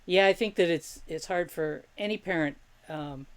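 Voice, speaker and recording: A host of an online group call talking casually, halting and unhurried, with many pauses and restarts. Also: mid-range voice, clear, resonant tone.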